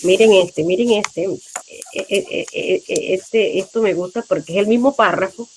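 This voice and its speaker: A woman's voice: medium pitch, moderate pace, darkish tone, slight background noise. A woman teacher with a Panamanian accent, patiently explaining a language lesson and often checking with her class by asking "right?".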